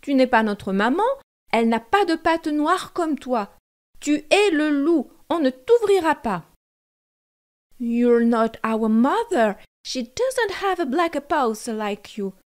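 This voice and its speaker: A woman voicing a group of young goat kids in a storybook, firm and loud in their refusals. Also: on the high side, sing-song, slow, few pauses. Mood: defiant. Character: seven little goat kids, young, defiant.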